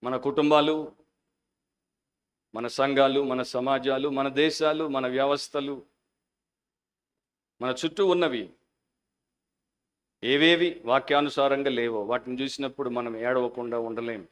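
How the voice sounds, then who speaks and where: A man preaching a Sunday sermon as a pastor, passionate at the peaks and hushed in prayer, mixing English phrases into his Telugu. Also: mid-range voice, fairly even intonation, unhurried, pauses often. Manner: fervent preaching, shifting into quiet prayer.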